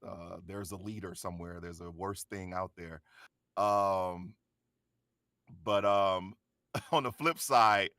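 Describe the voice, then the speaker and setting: Man, young adult, low voice, hesitant, casual chat, dry mic. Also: steady tone, takes it slowly, long pauses, sharp tone, dry recording. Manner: hesitant, full of fillers and restarts, laughs. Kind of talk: casual after-show chat.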